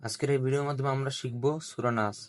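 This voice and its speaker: A man teaching Quran recitation, spelling out letters and vowel marks and repeating each syllable slowly, with drawn-out melodic chanting of the verses. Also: medium pitch, steady tone. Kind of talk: slow letter-by-letter recitation lesson.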